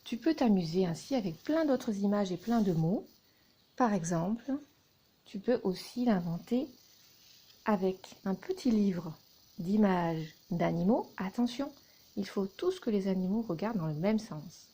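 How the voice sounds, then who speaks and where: A woman teacher giving a recorded lesson to young children, speaking deliberately and spelling out letters and syllables one by one. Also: mid-range voice, expressive, warm tone, husky.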